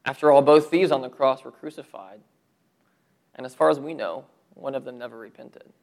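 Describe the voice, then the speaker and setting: A man preaching a sermon to his church, earnest, with rhetorical questions and drops to a low voice for emphasis. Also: moderate pace, gravelly, darkish tone. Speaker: pastor.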